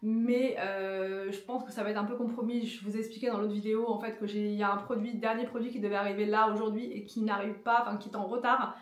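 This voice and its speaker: A woman's voice: mid-range voice, flat delivery, quick pace, few pauses. A young woman vlogging in a casual, chatty way, laughing as she complains. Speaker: family vlogger. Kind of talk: casual vlog chat.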